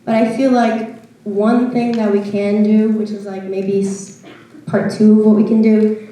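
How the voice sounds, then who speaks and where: A young woman in the audience joins a casual discussion, chatting away and sprinkling "like" heavily through her speech. Her mid-range voice is dark in tone, flat and unhurried. She's recorded from far off in an echoey hall.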